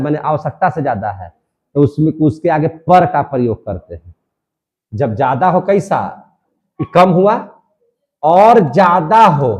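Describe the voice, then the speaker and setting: A man's voice: on the high side, a little mellow, dull audio. A male chemistry teacher lecturing a classroom, repeating each question and drilling the answer emphatically.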